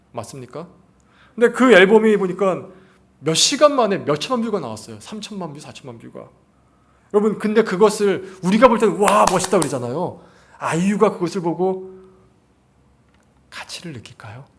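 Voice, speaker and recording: A male pastor preaches a sermon in a high-set voice, his intonation swinging widely in an animated, sing-song way at a slightly fast pace. He poses questions to the congregation and repeats key phrases for emphasis.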